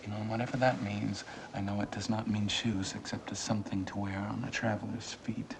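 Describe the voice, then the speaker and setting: An actor playing a restless young adult son, brooding and hesitant. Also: male voice, on the low side, level tone, fairly quick, gravelly, noisy background. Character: restless young man son, weary, yearning to leave. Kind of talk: stage play acting.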